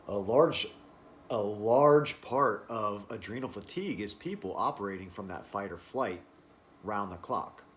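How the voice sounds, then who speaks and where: A man teaching a wellness class informally, explaining in short phrases with halting pauses. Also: fairly low pitch, slight background noise. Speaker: breathing and stress-relief class instructor.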